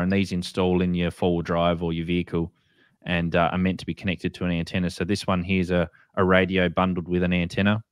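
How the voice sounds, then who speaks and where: In a dry studio-quality recording, a low-pitched man with a clear, resonant voice talks casually as a show host. He has an Australian or New Zealand accent and co-hosts a radio hobby program, walking beginners through products.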